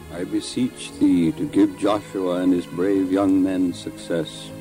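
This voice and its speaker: An actor playing Moses as a mature, fatherly and earnest leader in a children's audio Bible drama, measured but able to command. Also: deep voice. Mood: solemn praying. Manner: measured, paternal, questioning, commanding in crisis.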